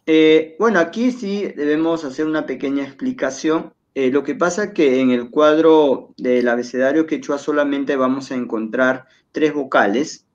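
A man's voice: a little high, normal speed, hardly any pauses, dull audio. Patient male language teacher. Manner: patient, explanatory, repeats words for pronunciation. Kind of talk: televised language lesson.

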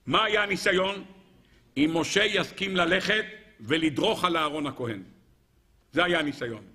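A man, a rabbi, giving a Torah lecture in an animated way, asking rhetorical questions and speaking directly to his listeners. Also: a little high.

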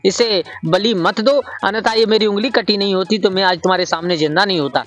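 A man's voice: high voice, fairly quick, a bit bright. A man voicing a proud, commanding king while telling a folk tale. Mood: grateful.

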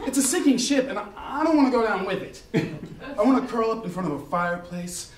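Pitched high and animated, a man reads fast at a live event, delivering a theatrical, emphatic comic piece from a lectern with a stand microphone. The crowded, dim bar is echoey, he's off-mic and distant, and loud audience laughter fills the background.

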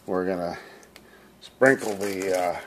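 A man's voice: low voice, steady tone, slow, heavy background noise. A man casually narrating a home cooking video in his kitchen, rambling and folksy with lots of fillers.

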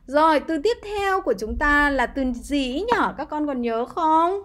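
A woman with a high voice and lively intonation gives young children a slow, patient spelling lesson at a measured pace. She spells each English word letter by letter and coaxes them to repeat after her.

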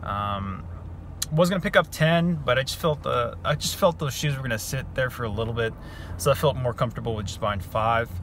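A man's voice: mid-range voice, a little fast, a bit bright, slight background noise. A man in his thirties chatting casually as he vlogs, easygoing and full of filler words, filmed on a phone held at arm's length. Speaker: sneaker reseller vlogger. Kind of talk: casual vlog narration. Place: parked car and retail stores.

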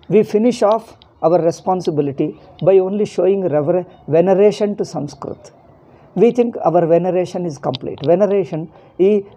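A man's voice: sits high, dark tone. A man in his sixties with a South Indian accent, a swami giving an informal, emphatic spiritual discourse and repeating phrases for stress. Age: 60s. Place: small indoor room. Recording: dull lo-fi phone recording.

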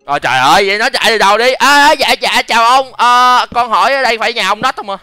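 An excitable young man hosts a game video, talking very fast in a high, bright voice. He jumps into role-play and yells repeated words when things get tense. Faint background music runs under him. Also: smooth, dry recording. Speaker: gaming channel host.

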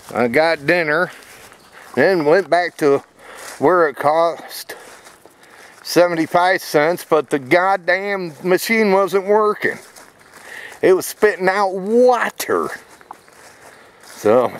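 A man's voice: fairly high pitch, clean tone. A middle-aged man vlogging in a casual ramble with many fillers, walking a wooded trail and filming himself on a handheld camera. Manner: rambling, lots of fillers and restarts; walking while talking. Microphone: phone camera held at arm's length.

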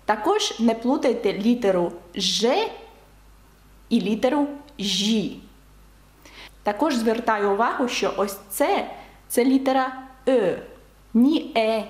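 A woman teaching beginners, her voice sitting a little high as she explains each point with emphasis and repeats examples slowly. The sound rings out in a room with clear echo. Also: a little mellow. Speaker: French teacher. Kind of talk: online lesson for beginners.

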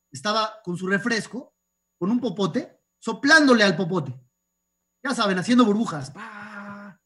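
A rabbi giving a sermon, telling stories and asking his listeners questions. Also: sits high. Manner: lively storyteller asking the audience rhetorical questions. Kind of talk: sermon with storytelling.

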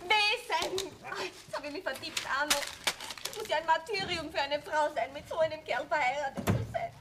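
An indignant female secretary in a television crime drama. Her voice is high, plaintive and wounded. Typewriter clicks and heavy noise run through the old recording. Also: a little fast. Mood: tearful indignation. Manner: plaintive, offended. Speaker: office secretary. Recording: very noisy old television soundtrack.

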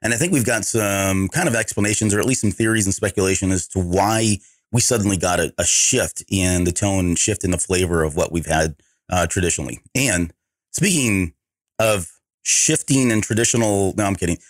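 A man hosting a podcast, talking in a hoarse voice with a loose, rambling, self-correcting manner. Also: deep voice, normal speed, no room sound, clean studio sound. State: hoarse from allergies. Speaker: podcast host. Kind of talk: casual podcast chat.

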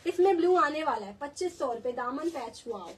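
A woman with a Pakistani Urdu accent and a sore, hoarse throat, chatting enthusiastically as she sells clothes on a live stream and keeps repeating the prices. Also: high voice, expressive, fairly quick. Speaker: online clothing seller. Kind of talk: live-stream sales pitch.

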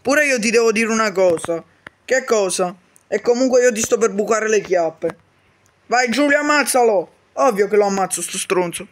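A man voicing several characters in a comedic game role-play, bickering quickly with frequent swearing and shouty outbursts. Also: high voice, lively intonation, a little hiss or hum. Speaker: YouTuber voicing all characters.

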